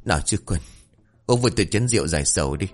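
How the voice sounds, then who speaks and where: A man's voice: deep voice, lively intonation, fast, soft background music. A man voicing a hot-tempered middle-aged father, bitter and threatening in his grief.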